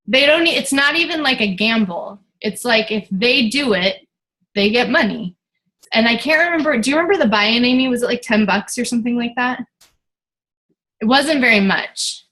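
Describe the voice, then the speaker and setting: A woman's voice: fairly high pitch, sharp tone, rough recording. Chatty woman leading a team meeting. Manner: chatty, loose, many fillers and restarts. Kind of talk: casual team meeting talk.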